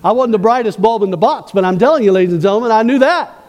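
A man's voice: high voice, animated, very fast, a little mellow, big-room sound, lo-fi sound. A man preaching a sermon as pastor, asking the congregation questions as he goes.

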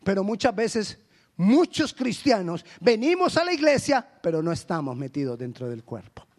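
A male pastor delivers a sermon in a notably high-pitched voice. He moves between loud, urgent exhortation and sudden low, quiet asides. The delivery is rhythmic and questioning, as if pressing the congregation. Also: sing-song, moderate pace.

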